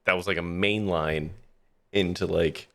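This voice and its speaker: A man giving casual, reflective commentary as the host of a let's play, talking in a measured way. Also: low voice, steady tone, a bit bright.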